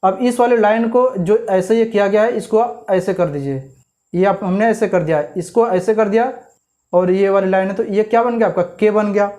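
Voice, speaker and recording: A man teaching a memory trick, explaining step by step and often checking with "clear?" and questions to the viewer. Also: high-pitched, moderate pace, a little mellow. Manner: repeats "clear?" and asks rhetorical questions.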